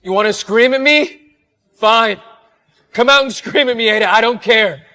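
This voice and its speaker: An actor playing an anguished husband searching for his missing wife, shouting and pleading in a short drama. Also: mid-range voice, animated, normal speed, slightly rough, dry recording. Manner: shouting desperately, bitter.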